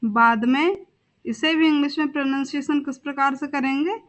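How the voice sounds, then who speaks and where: A woman's voice: high-pitched, steady tone, moderate pace, highs cut off. A young woman teaching a vocabulary lesson. She says each word twice and spells words out letter by letter. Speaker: English teacher.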